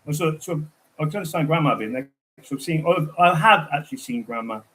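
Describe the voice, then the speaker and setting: A man's voice: a little high, expressive, fast, fairly bright tone, rough recording. A man chatting casually on a livestream, telling rambling, digressive stories.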